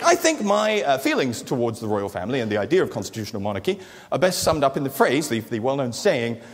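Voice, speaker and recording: A man's voice: medium pitch, wildly swooping pitch, fast talker. A British man doing stand-up with a dry, self-deprecating wit. His voice bounces up and down as he talks, and he sounds like he's in a big hall with a long echo and a faint hiss behind him. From Great Britain. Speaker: stand-up comedian. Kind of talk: stand-up comedy set. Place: large theatre stage.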